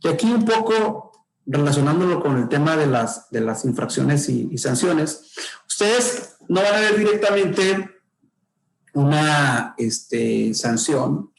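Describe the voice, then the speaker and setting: A man's voice: fairly high pitch, expressive, takes it slowly, creaky, roomy sound, low-quality recording. A man, a trade consultant explaining rules in podcast talk, thinking aloud with many filler sounds and tag questions. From Mexico.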